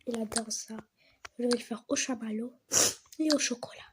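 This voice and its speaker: High-voiced woman narrating her play. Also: normal speed, noisy background. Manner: often drops to whispered asides. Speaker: player narrating a doll-house game. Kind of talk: game role-play narration.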